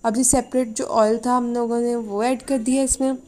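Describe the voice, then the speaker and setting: A woman's voice: a little high, little pitch movement, moderate pace, warm tone, a little hiss or hum. A woman from Pakistan, hosting a cooking channel in a chatty, instructive voice-over and mixing in English words. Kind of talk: casual recipe voice-over. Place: home kitchen.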